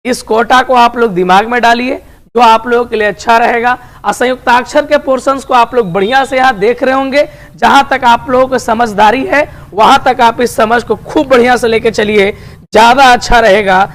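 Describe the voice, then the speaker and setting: A man's voice: extremely high pitch, steady tone, moderate pace, fairly bright tone. Coaxing male Hindi grammar teacher. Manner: repeats tag questions often; coaxing, addresses students as dear and friends. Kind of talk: online video lesson.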